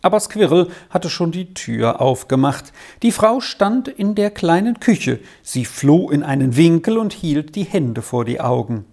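A woman narrating a storybook with calm, expressive storytelling. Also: deep voice, measured pace, few pauses. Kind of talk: storybook reading.

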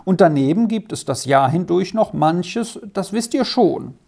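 A woman voicing a generous, firm middle-aged farmer's wife who talks in a brisk, kindly way in a read-aloud storybook. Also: fairly low pitch, expressive, vocal fry, mellow, voice pushed up, exaggerated voice.

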